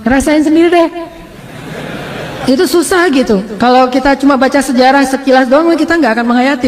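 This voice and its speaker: A man's voice: extremely high pitch, in a large hall. A male Islamic preacher telling a sermon story in a casual, humorous, colloquial way. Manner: lively, humorous, colloquial, with frequent laughs and restarts.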